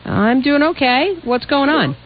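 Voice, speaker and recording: A woman's voice: sits high, expressive, a little slow, narrow, tinny audio, slight background noise. A woman hosting a radio call-in show, giving direct, explanatory advice in a conversational way. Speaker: radio call-in host, financial adviser.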